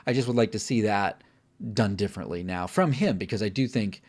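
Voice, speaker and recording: A man's voice: fairly low pitch, brisk, a little mellow. A man co-hosting a casual film review, talking candidly with lots of fillers and restarts.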